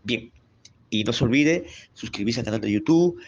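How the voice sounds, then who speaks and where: A man teaching a lesson on the speaking voice, slow and deliberate, repeating key phrases and asking the listener to say them after him. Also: mid-range voice, expressive, lo-fi sound.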